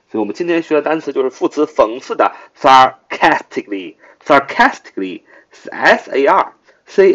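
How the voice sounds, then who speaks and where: A man hosting a vocabulary lesson, spelling letters slowly, repeating the word many times and using frequent filler sounds. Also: medium pitch, a bit bright. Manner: frequent filler "啊" between phrases. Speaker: English vocabulary teacher, podcast host. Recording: muffled lo-fi audio.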